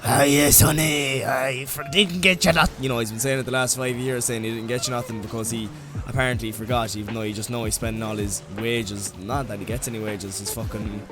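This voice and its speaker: A man's voice: fairly low pitch, flat delivery, fast talker, hardly any pauses, music in the background. A young man with an Irish accent, ranting comically in a rambling, sweary way full of "like"s. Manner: rambling, sweary, heavy use of "like". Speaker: vlogger. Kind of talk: comedic rant.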